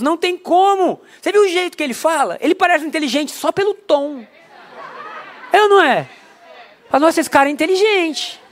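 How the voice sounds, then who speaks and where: A young adult man preaching a conversational sermon in a church, with frequent rhetorical asides to the congregation. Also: very high voice. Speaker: pastor.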